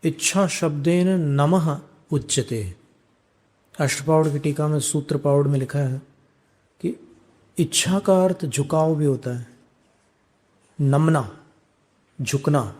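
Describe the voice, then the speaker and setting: A man, a monk, chanting prayers in a drawn-out way and then explaining scripture in a calm teaching sermon. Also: a little high. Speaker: Jain monk giving a discourse.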